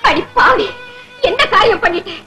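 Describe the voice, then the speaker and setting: A woman's voice: extremely high pitch, animated, moderate pace, over loud music. An actress playing a distressed young sister-in-law who scolds and then shields a girl, in a 1970s Tamil film. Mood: distraught. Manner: exclaiming, pleading, rising in distress.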